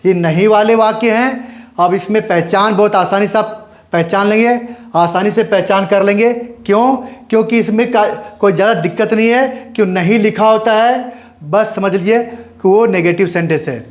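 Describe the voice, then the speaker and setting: High-voiced man teaching grammar. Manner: explains step by step, asks and answers his own questions; spells out letters slowly and repeats words. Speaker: English teacher. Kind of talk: classroom grammar lesson.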